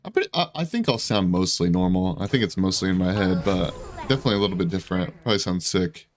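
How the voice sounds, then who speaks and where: Animated and fast, this gaming YouTuber's low voice carries rambling, slangy gameplay commentary with "dude," "bro," and self-deprecating remarks. He sounds congested, and his voice is slightly giving out.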